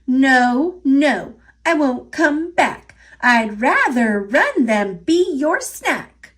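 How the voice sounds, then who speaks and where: Woman acting little storybook gingerbread man, American accent, high lively pitch, cocky, taunting, sing-song. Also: very slow, exaggerated voice. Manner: sing-song, boastful chanting.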